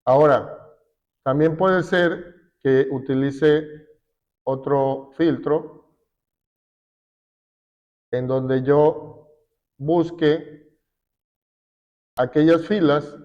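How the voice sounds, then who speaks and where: A man teaching a class, slowly explaining a spreadsheet step by step with fillers. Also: on the high side, steady tone. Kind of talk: classroom software lesson. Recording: dull lo-fi recording.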